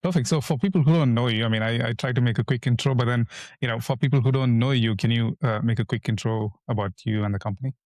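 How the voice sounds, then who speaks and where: A man's voice: mid-range voice, quick pace, a little mellow, dry recording. A man hosting a podcast, introducing his guest with enthusiasm and often repeating words as he frames questions. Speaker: podcast host. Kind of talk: podcast interview.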